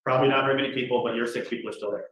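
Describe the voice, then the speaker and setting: A man's voice: mid-range voice, steady tone, rapid-fire, a bit bright. A man cross-examines a witness on a courtroom recording. His questions come in a folksy, conversational way. He sits far from the mic in a heavily echoing room, with a faint hiss. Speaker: defense attorney. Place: large courtroom, indoors.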